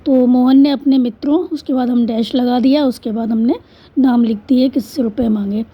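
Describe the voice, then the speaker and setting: High, husky-voiced woman teacher. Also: fairly even intonation, normal speed. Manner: patient, step-by-step, asks and answers her own questions. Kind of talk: explaining a school textbook exercise. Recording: dull lo-fi recording.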